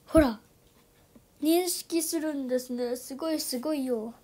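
A chatty woman with a high, light voice walks viewers through a phone app in a casual tutorial. She fills her talk with little fillers and often drops into soft, near-whispered asides. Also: measured pace. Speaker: YouTube channel host.

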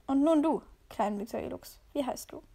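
Woman voicing a calm, unbothered house dog. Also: high voice, moderate pace. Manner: calm and placid.

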